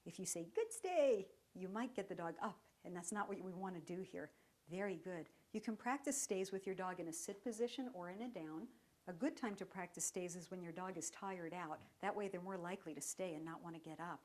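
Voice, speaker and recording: A woman dog trainer giving a step-by-step lesson, speaking in a calm, even voice while she works with a dog. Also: fairly low pitch, brisk. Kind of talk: instructional demonstration.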